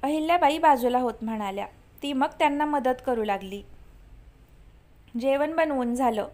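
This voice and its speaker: A woman reading a story aloud in a steady, measured way. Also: high-pitched. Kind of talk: scripted narration.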